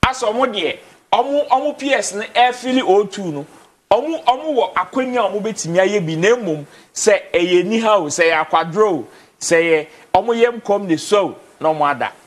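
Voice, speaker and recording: This young Ghanaian guest's voice sits high, with lively intonation at a normal speed. Chatting casually in an indoor TV studio in his Ghanaian accent, he moves between Twi and English and hammers points home through repetition.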